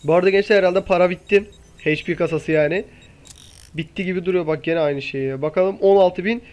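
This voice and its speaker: High-voiced young man pleading with a game. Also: brisk, a little mellow. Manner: impatient pleading, coaxing the game. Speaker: gaming YouTuber. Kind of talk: casual gameplay commentary.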